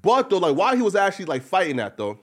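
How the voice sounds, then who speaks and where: A male interviewer with a fairly high voice. He talks in loose street slang with a hyped-up bro manner, leaning on bro, like and right as he goes. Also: big pitch swings, racing, a bit bright. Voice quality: slang-heavy speech. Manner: hyped-up bro talk, repeatedly saying bro, like and right.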